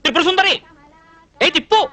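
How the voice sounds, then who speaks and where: A man dubbing a fussy, naive young male cook in a film comedy, scolding in rapid chatter. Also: very high-pitched, animated, sharp tone, full character voice. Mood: flustered. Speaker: dubbed film comic lead. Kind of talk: dubbed film dialogue.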